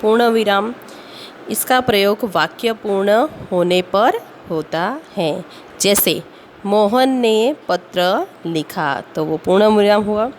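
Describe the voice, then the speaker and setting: A woman teacher explaining a grammar lesson, reading examples slowly and asking the listener rhetorical questions, slipping English words into her explanation. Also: mid-range voice. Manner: slow, deliberate reading with frequent pauses and rhetorical questions. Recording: long reverb, faint ambient noise.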